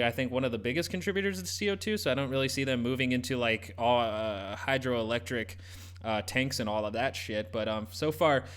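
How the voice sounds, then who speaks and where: A man hosting casual live political commentary, speaking haltingly and often trailing off mid-thought. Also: medium pitch, fairly bright tone. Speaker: host reacting to a broadcast.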